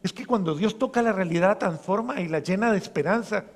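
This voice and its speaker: A man preaching a homily as a parish priest, acting out voices and swinging from soft to loud. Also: sits high, quick pace. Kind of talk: sermon. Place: large church. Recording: long church reverb.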